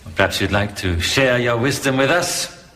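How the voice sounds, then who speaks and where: A man's voice: medium pitch, normal speed, sharp tone, close to an everyday voice. A man playing a strict, sardonic schoolteacher in a film drama, speaking with dry sarcasm. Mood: sarcastic. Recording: echoey room, faint noise.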